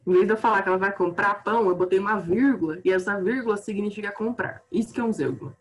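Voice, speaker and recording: A Brazilian woman teaches an online grammar class, sounding chatty, self-deprecating and tired. She talks fast in a mid-range voice that often trails off quietly.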